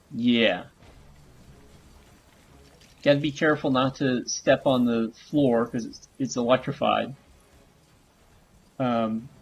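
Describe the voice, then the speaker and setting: A man giving casual gameplay commentary, relaxed and rambling with frequent fillers. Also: medium pitch, husky. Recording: dull lo-fi recording.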